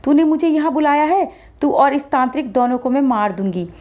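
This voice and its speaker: A woman's voice: high voice, lively intonation, a little fast, a little mellow, pitched above the performer's own voice. A woman voicing a vengeful, possessive female spirit who speaks through a man and threatens the people around her. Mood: furious. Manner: threatening, commanding.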